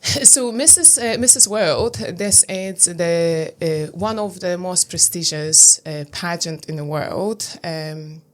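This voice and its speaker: Speaking slowly in a lowish voice, this thirty-something Lithuanian woman, a pageant titleholder, gives interview answers in English as a second language. Her Lithuanian accent is noticeable, and she hesitates often, leans on fillers and uses non-native grammar.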